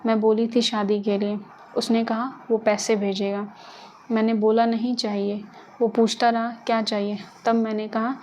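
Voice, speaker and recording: A woman's voice: a little high, level tone, moderate pace, a little mellow, slight background noise, natural voice. A woman voicing a frightened young woman who speaks in a shaky, pleading way. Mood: meek. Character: frightened, tearful young woman murder suspect.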